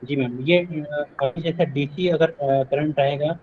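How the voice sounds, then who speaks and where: A young male student speaks up in an online class, polite and a little hesitant, his voice sitting on the higher side. He comes through a bad connection, squeezed into a thin, phone-like band. A faint hiss hangs under his words. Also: fairly even intonation, takes it slowly. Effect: bad online connection, thin phone-like line. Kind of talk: polite questions to a teacher. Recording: tinny call line with faint noise.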